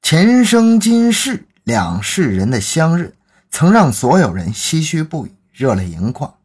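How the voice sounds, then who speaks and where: Lively, husky male storyteller. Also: fairly high pitch, measured pace. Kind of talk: storytelling podcast narration.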